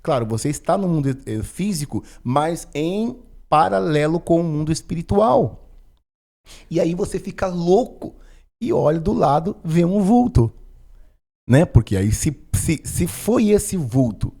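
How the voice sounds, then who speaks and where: A man's voice: a little high, lively intonation, unhurried, creaky, warm tone. A male pastor, teaching on spiritual matters in a casual, conversational way, often tagging his sentences with "né?" and "tá?". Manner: conversational, frequent "né?" and "tá?" tags. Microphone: microphone in front of him.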